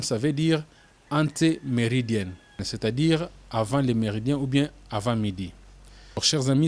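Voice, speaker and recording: A man narrating a language lesson in a measured, explanatory way, spelling out terms. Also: mid-range voice, a little mellow. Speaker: English teacher.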